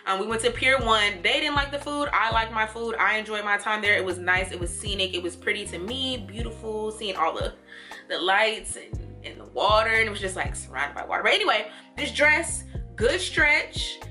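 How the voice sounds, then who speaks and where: A young woman chatting casually through a clothing try-on haul and storytime, animated and laughing as she talks. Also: mid-range voice, normal speed, soft background music. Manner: chatty and animated, laughing and doing little quoted voices. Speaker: vlogger.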